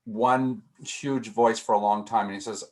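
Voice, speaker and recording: A man's voice: on the low side, fairly even intonation, measured pace. A man leading a casual group discussion, thinking aloud with frequent restarts and repeated words.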